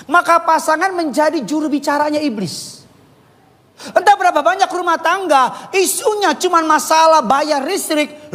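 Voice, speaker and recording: A man preaching a sermon, animated and jokey, slipping into playful voices and regional slang. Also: extremely high pitch. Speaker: pastor. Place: church hall. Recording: long church reverb.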